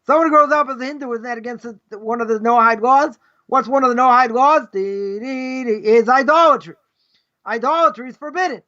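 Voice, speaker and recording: Very high-voiced man teaching, lo-fi. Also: fairly quick, bright, forceful tone. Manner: rambling, tags nearly every point with "right?"; argumentative, rhetorical questions. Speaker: rabbi teaching ethics. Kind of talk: live conversational Torah lesson. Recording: dull lo-fi livestream audio.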